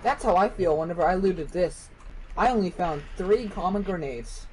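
A man chatting casually with friends during an online game, relaxed and self-mocking with frequent giggles. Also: high voice, moderate pace, slight background noise, low-quality recording. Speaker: gamer on a stream. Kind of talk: casual gaming chat with friends.

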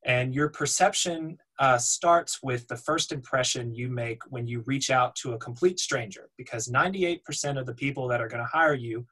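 A man in his thirties, a voiceover demo producer, teaching a webinar from a home room over a webcam in a relaxed, explanatory way with frequent ums and uhs. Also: mid-range voice, moderate pace, hardly any pauses, breathy edge, poor audio. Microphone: webcam on video call.

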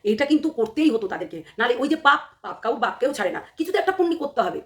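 A hoarse woman, worn down by a cold, talking straight to her viewers. Her voice sits a little high and she rushes her words out quickly. She pushes every point hard, repeating phrases and throwing questions back at the audience. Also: big pitch swings. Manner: heated and emphatic, repeats phrases, fires rhetorical questions. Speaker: vlogger. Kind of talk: casual direct-to-camera commentary.

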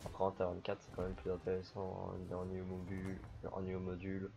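Low, flat-voiced man streaming a game. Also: fast, gravelly, faint music behind. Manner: relaxed, rambling, many fillers. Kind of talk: casual gameplay commentary.

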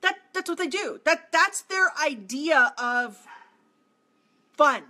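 This high, bright-voiced woman in her forties, a marketing coach, takes her time with a direct-to-camera motivational talk. Filmed indoors in a small home office, she's emphatic, repeats phrases, and moves her hands animatedly.

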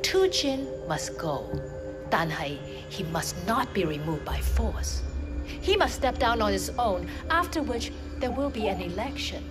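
Slow, menacing woman crime boss. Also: medium pitch, very animated. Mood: cold scheming. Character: cold, scheming older woman crime boss in a red suit. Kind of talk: video game cutscene acting. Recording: music under dialogue.

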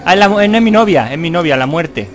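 A man's voice: on the high side, expressive, quick pace, slight background noise. A man from doing playful, jokey let's play commentary, clowning in character. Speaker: gaming YouTuber.

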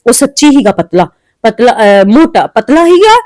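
Casting: Punjabi woman, family vlogger, higher-pitched voice, plaintive and homely, rambling casual chat to viewers. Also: sing-song, normal speed, darkish tone. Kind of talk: casual chatty home vlog.

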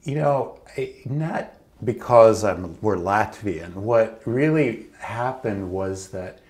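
A man's voice: on the low side, expressive, takes it slowly, a little mellow. Chatty man around sixty, roomy home. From Michigan, United States. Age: about 60. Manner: chatty, open, with casual fillers. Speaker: interview guest, channeler. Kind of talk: relaxed conversational interview. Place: living room at home, indoors. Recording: roomy indoor echo.

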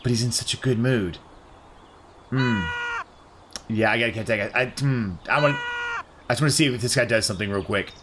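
A man's voice: mid-range voice, big pitch swings, moderate pace, long pauses, background noise. A man casually commentating as he plays a video game, reacting aloud and swearing freely. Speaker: gaming channel host. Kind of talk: casual let's-play commentary. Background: game music.

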